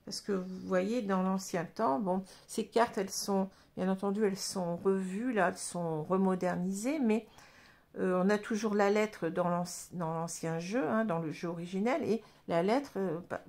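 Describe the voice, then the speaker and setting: A woman's voice: medium pitch, moderate pace, a little mellow. A woman with a French accent giving a casual tarot reading to her viewers, hesitant and full of fillers, often checking that they follow her. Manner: hesitant, many fillers, addresses viewers directly. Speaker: tarot reader.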